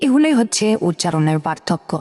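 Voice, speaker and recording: A woman's voice: fairly low pitch, very animated, fast talker, darkish tone, big-room sound, soft background music. A woman teaching Quran reading, who patiently drills letter pronunciations one by one and repeats key points. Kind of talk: step-by-step recitation lesson.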